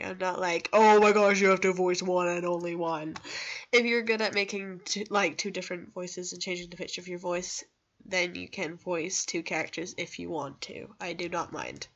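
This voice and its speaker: This gaming video creator is a young woman whose mid-range, slightly bright voice loses its highs in the recording. She rambles casually while playing, poking fun at herself and offering reassurance, all captured on a home computer mic.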